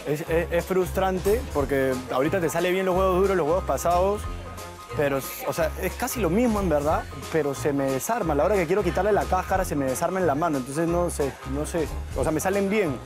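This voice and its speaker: A man's voice: fairly high pitch, fairly quick, music in the background. A man competing on a cooking show, talking about his frustration in a self-mocking way. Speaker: contestant.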